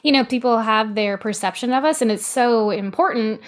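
A woman's voice: a little high, moderate pace. A woman hosting a casual interview, chatty and loose, with many "like"s and "you know"s. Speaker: host.

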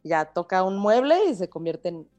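A woman, a podcast co-host retelling a myth in animated, crude slang. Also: medium pitch, normal speed, highs cut off, faint music behind.

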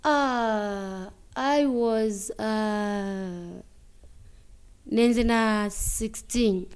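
Slow-spoken young Zambian woman. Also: mid-range voice, a little mellow, clean tone. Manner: mixes English with local words, halting with many fillers. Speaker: interviewee, football player. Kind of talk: casual interview answers.

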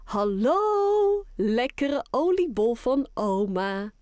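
A woman's voice: sits high, very animated, slow, darkish tone, dry recording, clean studio sound, voice pushed up, heavily acted. A woman voicing a doting, playful grandmother in a children's audiobook, with an affectionate sing-song delivery. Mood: fond. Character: warm, playful grandmother who loves singing.

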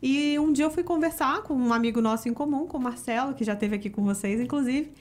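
A woman's voice: high voice, quick pace. A woman from Rio de Janeiro with a Carioca accent, talking reflectively as a podcast guest in a casual interview. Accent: Carioca Portuguese. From Rio de Janeiro, Brazil. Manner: reflective, talks about spirituality with many fillers.

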